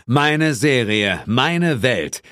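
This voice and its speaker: A man's voice: medium pitch, lively intonation, drawn-out words, fairly bright tone, dry recording, studio quality, voice pushed up. A male narrator voicing a cocky, flippant male ghost hunter full of wisecracks, in an audiobook.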